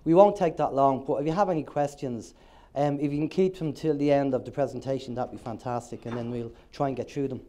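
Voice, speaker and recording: On stage before a live conference audience, an Irish internet radio co-host presents in a chatty, joking manner, slightly nasal from a cold. His mid-range voice is mellow and a little fast, with a faint hiss or hum in the recording.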